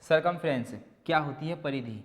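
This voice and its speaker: A maths teacher talks his students through a lesson in a slightly high voice. He keeps firing questions at the class and answering them himself. A long reverb trails behind him, as if he is in a roomy hall. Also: normal speed. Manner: motivating pep talk to students. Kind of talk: whiteboard exam-prep lesson.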